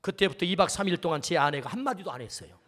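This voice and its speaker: High-voiced preacher in a reverberant hall. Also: male voice, lively intonation, very fast, fairly bright tone. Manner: earnest storytelling preacher, acts out quotes. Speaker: pastor. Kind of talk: sermon. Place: church sanctuary.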